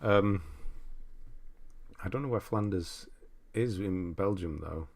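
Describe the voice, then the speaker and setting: Hosting a relaxed live chat, this man speaks slowly in a low, darkish voice. He wanders through viewer messages and game lists, thinking out loud and drifting into side remarks.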